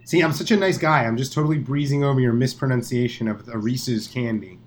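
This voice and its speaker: A man's voice: mid-range voice, brisk. A man co-hosting a comedy podcast, teasing his friends in casual, dry banter. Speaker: podcast co-host.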